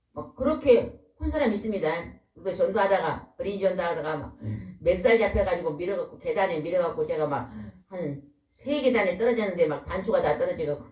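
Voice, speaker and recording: A woman preaching a lively, folksy sermon, a pastor's wife who keeps asking the congregation questions. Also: lowish voice. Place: church hall. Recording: echoey hall, voice from far off.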